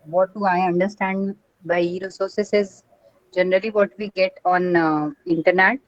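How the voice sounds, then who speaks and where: A woman's voice: lowish voice, fairly even intonation, moderate pace, dull audio. A woman speaks up in an online class. Her replies over the video call are polite and deferential. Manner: polite, addresses the teacher as sir. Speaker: doctoral student.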